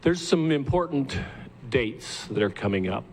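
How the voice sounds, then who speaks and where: A man speaking at a campaign event, rallying supporters in a slow, deliberate way. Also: medium pitch, animated, darkish tone. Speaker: campaign supporter introducing the candidate. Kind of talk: rally pep talk. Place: event room with audience. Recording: faint ambient noise.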